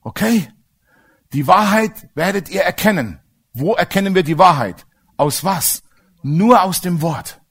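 Lively, animated German-speaking male preacher. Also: high voice, a little slow, breathy edge. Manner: emphatic, asks the congregation for agreement. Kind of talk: sermon.

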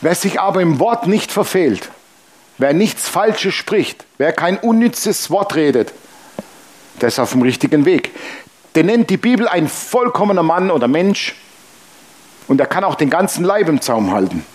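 A man's voice: on the high side, sing-song, measured pace, husky. Man preaching an emphatic sermon. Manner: emphatic preaching, repeats phrases, asks the congregation questions. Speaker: pastor.

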